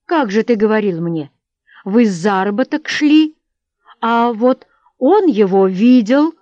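Woman doing a stern commanding tavern keeper man, loud, raised pitch, dull dry audiobook sound. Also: expressive, takes it slowly, dry recording. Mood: accusing. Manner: commanding, accusing.

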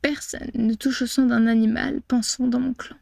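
A woman's voice: a little high, little pitch movement, moderate pace, creaky, a little mellow, dry recording, clean studio sound. A woman voicing a cunning, menacing female harpy clan leader in a storybook reading, speaking in clipped, hissing tones. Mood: blunt.

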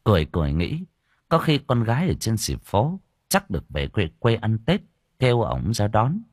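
A man narrating an audiobook story in an expressive telling. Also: fairly low pitch, moderate pace, no echo, clean studio sound. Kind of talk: scripted narration.

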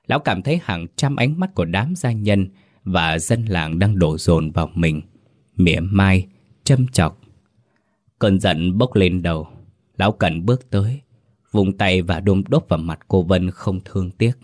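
A man narrating a dramatic story in a steady, storytelling manner. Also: low voice, no echo, studio quality.

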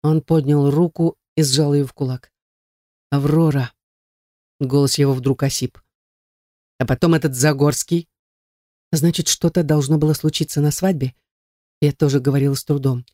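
A man reading a first-person novel aloud at a measured, even pace. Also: on the high side, dry recording, studio quality. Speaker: audiobook narrator. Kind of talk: scripted first-person narration.

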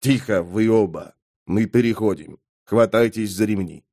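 A man reading an audiobook aloud, voicing a wary male high mage who talks low and tersely. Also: normal speed, mellow, no room sound, clean studio sound. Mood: guarded.

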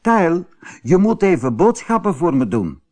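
A man's voice: mid-range voice, wildly swooping pitch, moderate pace, a little mellow. A man voicing a stern, scolding mother in a storybook. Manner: scolding, forbidding. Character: stern scolding mother, middle-aged woman.

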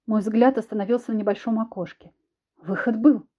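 A woman's voice: on the high side, brisk, husky. Woman narrating a dramatic story. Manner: expressive, dramatic reading. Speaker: audiobook narrator. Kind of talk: first-person story narration. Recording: dull lo-fi recording.

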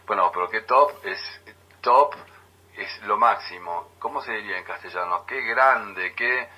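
A man with an Argentine accent co-hosting a casual radio chat, musing aloud with frequent pauses. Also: on the low side, bright, forceful tone, low-quality recording. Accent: Argentine Spanish. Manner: chatty, muses aloud with many pauses. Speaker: radio co-host. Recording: radio broadcast.

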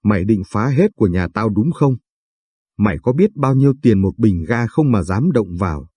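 A man's voice: on the low side, expressive, moderate pace, husky, dry recording. A man voicing a cruel, foul-mouthed older mother-in-law who scolds and curses in a storybook tale. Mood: scolding. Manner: shouting, abusive, vulgar scolding.

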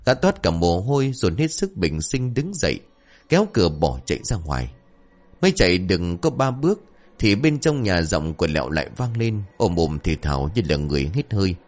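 A man narrating a ghost story with lively, expressive storytelling. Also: sits low, normal speed. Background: faint music.

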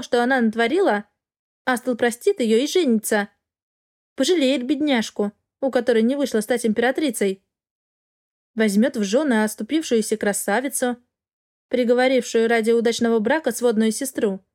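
A woman narrating a first-person fantasy novel with an expressive, wry inner voice. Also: a little high, moderate pace. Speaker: audiobook narrator.

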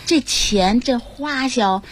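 A woman's voice: a little high, slow, slight background noise. A woman hosting a radio talk show from Beijing, chatty and empathetic in colloquial speech. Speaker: radio host.

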